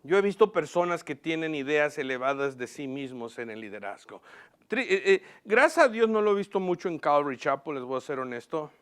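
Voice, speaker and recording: A male pastor preaching a lively sermon from a church platform, asking the congregation questions and mixing in English words. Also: a little high, fairly quick, clear, resonant tone.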